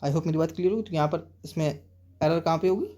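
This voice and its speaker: A man with an Indian accent teaches an exam-prep English lesson, reading English sentences out slowly and checking in with students often. His voice is mellow and on the high side.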